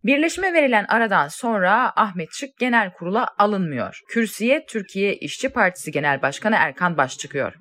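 A woman's voice: mid-range voice, sing-song, brisk, few pauses, a bit bright. A woman presenting scripted news narration into a close microphone.

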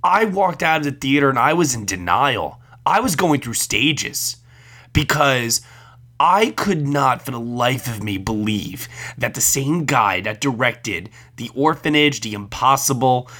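A man's voice: mid-range voice, animated, unhurried, bright, forceful tone. A man hosting a casual film review chat while audibly sick and under the weather. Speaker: podcast host.

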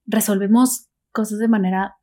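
A woman, speaking calmly and reassuringly as host of a reflective conversation. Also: medium pitch, moderate pace. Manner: calm, reassuring, speaks about intuition and ego.

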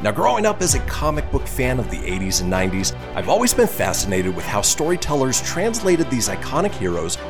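Man, middle-aged, podcast host, scripted introduction, very animated pitch, theatrical, music behind. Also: a little fast, hardly any pauses.

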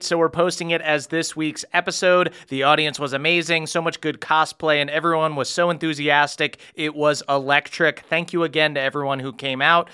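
Bright, clear-voiced man introducing a podcast. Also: a little high. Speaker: podcast host. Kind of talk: casual spoken episode introduction.

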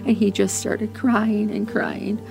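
A woman speaking in an emotional interview, heartfelt and animated as she retells events. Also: medium pitch, takes it slowly, creaky, music in the background. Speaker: interviewee, aunt.

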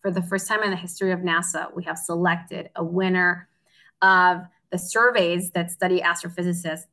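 A woman's voice: on the low side, fairly even intonation, normal speed, sharp tone. A woman, a guest telling her story in an earnest, heartfelt way in a casual interview. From Mexico. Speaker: guest, optical engineer.

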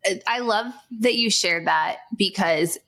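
A woman's voice: medium pitch, unhurried, creaky, fairly bright tone. A woman hosting a podcast interview, chatty and reflective as she shares her thoughts and asks questions. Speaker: podcast host.

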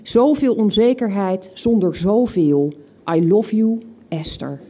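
A woman's voice: mid-range voice, animated, takes it slowly, mellow, a little hiss or hum. A woman reading entries from her teenage diary aloud in a reflective way, now and then laughing at what she once wrote.

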